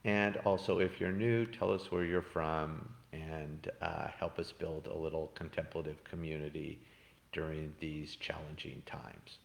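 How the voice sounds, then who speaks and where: A soft-spoken priest guides listeners through a meditation and reflection, talking in a gentle, unhurried way with frequent pauses. His voice sits very low, and the sound rings around a reverberant room. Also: fairly even intonation, vocal fry. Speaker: Jesuit priest leading daily meditation. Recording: echoey room.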